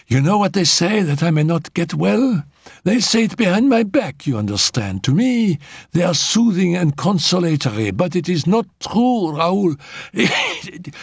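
A man uses a gravelly, slightly rough full character voice to play a frail, feverish young woman who is dying but defiant. She coughs in fits, laughs breathlessly and lets out shrill shrieks, all in studio quality with no echo.

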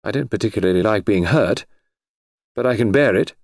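A man's voice: lowish voice, brisk, darkish tone, dry recording, clean studio sound. A male narrator voicing a plucky, plain-spoken young woman. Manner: plain, spirited. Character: plucky young English woman, poor and game. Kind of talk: audiobook character voice.

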